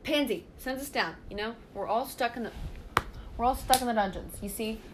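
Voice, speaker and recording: A woman's voice: a little high, a little fast, noisy background. A young woman chatting casually in a bossy, ranting, playful way, breaking into sing-song fillers. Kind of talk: casual chat.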